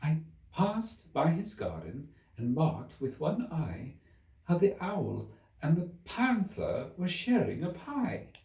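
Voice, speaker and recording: A polite young girl played by a man speaks in a raised, very animated voice. She is timid and earnest, a storybook heroine in an echoey room. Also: fairly high pitch, slow, voice pushed up, full character voice. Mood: nervous reciting. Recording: echoey room, distant mic.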